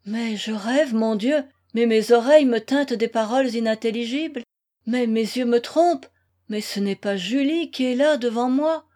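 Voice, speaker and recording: A woman's voice: fairly high pitch, normal speed, warm tone, close to an everyday voice. A woman reading a desperate young man who passionately pleads with the girl he loves, in a storybook reading. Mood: anguished.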